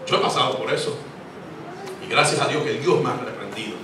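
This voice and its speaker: A man's voice: medium pitch, a little fast, background noise. A man preaching a sermon in church, emphatic and repetitive, with call-and-response questions. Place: church sanctuary. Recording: echoey church hall, distant mic, congregation.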